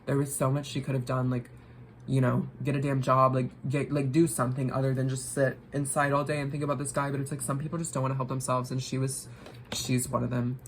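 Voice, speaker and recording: A young man tells a storytime at home while he gets ready, rambling along in slang and swearing bluntly. He talks fast but keeps his pitch level and flat. A faint hum sits under the phone recording. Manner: rambling, slangy, fillers of "like" throughout; blunt and cussing. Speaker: vlogger.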